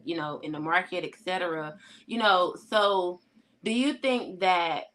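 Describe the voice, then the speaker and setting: A woman's voice: lowish voice, unhurried, fairly bright tone. A woman hosting a casual chat, asking long rambling questions full of fillers. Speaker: host.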